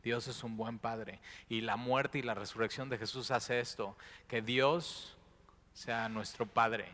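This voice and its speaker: Male pastor, bright tone, hushed-to-fervent sermon delivery, big reverberant hall. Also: mid-range voice, steady tone, slow pace. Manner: swings between hushed and loud impassioned preaching.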